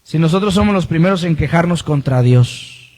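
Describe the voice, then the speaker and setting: A man's voice: a little high, lively intonation, moderate pace, a little mellow. A man pastor preaching a sermon, pressing his points with emphatic repetition and sudden swings in his voice. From Colombia.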